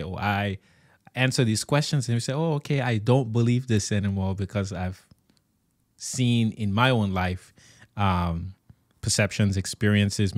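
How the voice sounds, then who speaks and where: A man from Cameroon hosting a casual interview, talking in a thoughtful, halting way and laughing often. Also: fairly low pitch, dry recording, studio quality. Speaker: podcast host.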